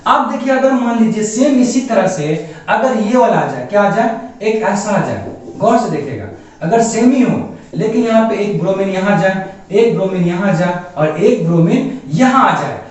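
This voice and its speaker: High-voiced man teaching chemistry in an echoey room. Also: animated, normal speed, distant mic. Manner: asks the class questions then answers them himself, calls students "babu". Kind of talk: classroom lecture at a board.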